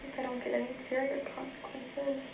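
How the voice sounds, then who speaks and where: A woman in a police interrogation room, giving a halting, rambling account, heard from an old interrogation tape recording. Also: high voice, completely flat delivery, gravelly. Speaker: murder suspect under interrogation. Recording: roomy, muffled tape with hiss.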